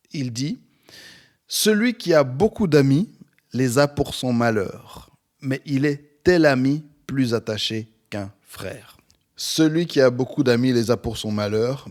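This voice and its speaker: Upbeat man in his forties, pastor. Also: medium pitch. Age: 40s. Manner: energetic, upbeat, animated. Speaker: pastor and podcast host. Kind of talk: podcast sermon. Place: at home near an airport, planes passing.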